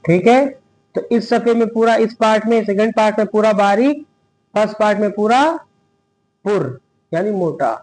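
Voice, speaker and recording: A man teaching a Quran reading lesson, spelling out each syllable slowly and asking his students questions as he goes. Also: sits high, a little mellow, poor audio. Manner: patient, repeats each syllable and asks the class questions.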